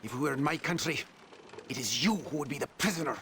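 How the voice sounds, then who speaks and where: An actor playing a proud, indignant captive sailor from Egypt who speaks in a formal, haughty way. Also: male voice, fairly high pitch, lively intonation, fast talker, fairly bright tone, a little hiss or hum.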